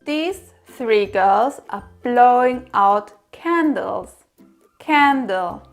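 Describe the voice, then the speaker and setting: A woman speaks in the manner of someone reading to a toddler, with a very animated, swooping pitch. She goes extremely slowly, repeating words in a sing-song, encouraging way so small children can copy her. Faint music plays behind her voice. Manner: exaggerated, encouraging questions. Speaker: presenter of a toddler learning show.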